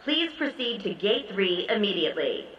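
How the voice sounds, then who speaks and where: A woman making a formal, measured boarding announcement over an airport PA system. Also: mid-range voice, big pitch swings, fairly bright tone, reverberant, long reverb tail, recorded from a distance, dull audio, slight background noise.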